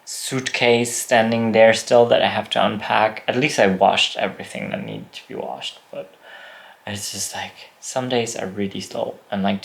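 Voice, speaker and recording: Man in his late thirties, casual vlog chat, relaxed and chatty, laughs often. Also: fairly low pitch, vocal fry. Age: late 30s. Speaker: vlogger. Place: outdoors and in a barn on a rural property.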